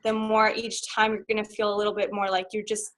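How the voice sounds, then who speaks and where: A woman's voice: medium pitch, brisk. A woman sex coach speaking frankly and openly in a conversational interview, often laughing as she tells personal stories. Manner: frank and animated, laughs while telling stories.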